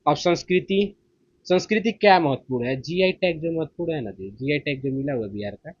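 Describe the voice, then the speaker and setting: A man's voice: fairly high pitch, animated, fairly quick, no echo. Chatty male tutor, muffled. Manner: chatty, repeats "theek hai" after each point. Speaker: exam coaching teacher. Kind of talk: casual exam-prep lesson. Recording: slightly muffled dry recording.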